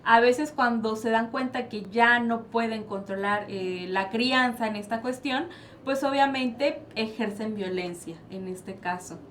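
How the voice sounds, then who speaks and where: Mexican woman, psychologist guest, explains patiently, rhetorical questions, slightly high voice, faint hiss. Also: measured pace, fairly bright tone. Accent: Mexican Spanish. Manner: explanatory, asks and answers her own questions. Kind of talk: panel discussion. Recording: faint background noise.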